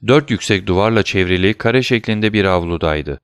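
A man narrating a classic novel as a steady, measured audiobook reader. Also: lowish voice, clean tone, no room sound, studio quality.

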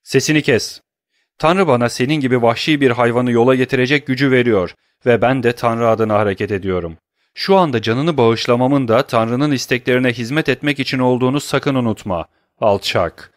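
A man's voice: medium pitch, fairly quick, no echo, studio quality, close to an everyday voice. A man voicing a stern, commanding nobleman disguised as a priest, reading an audiobook. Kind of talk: audiobook character voice.

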